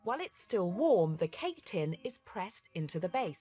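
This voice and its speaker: Lively British woman narrating cookery. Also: lowish voice, moderate pace. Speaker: presenter and narrator. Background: music.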